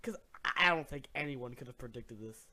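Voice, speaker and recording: A man's voice: mid-range voice, fairly quick, crowd noise. A man giving exaggerated, theatrical and incredulous commentary as the host of a reaction video.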